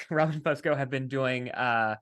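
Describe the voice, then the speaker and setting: A man's voice: medium pitch, a little slow, fairly bright tone. A man hosting a casual interview podcast, laughing often and talking in a slightly rambling way with restarts. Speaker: podcast host.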